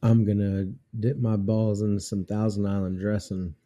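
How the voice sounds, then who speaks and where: A man's voice: fairly low pitch, flat delivery, moderate pace, dark tone. A man co-hosting a podcast in casual chat, joking around with crude, profane banter. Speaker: podcast co-host.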